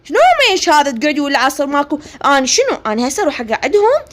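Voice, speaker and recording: Quick, high-voiced Iraqi woman. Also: very animated, a bit bright. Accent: Iraqi Arabic. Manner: chatty, complaining, storytelling. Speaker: gaming creator. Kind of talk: game role-play narration.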